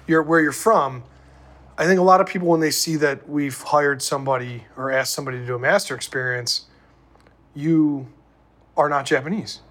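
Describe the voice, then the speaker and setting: A man's voice: a little high, moderate pace, a bit bright. A man from the American Midwest hosting an interview, chatty and wandering off on tangents with stammering restarts. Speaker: host. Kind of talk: conversational interview.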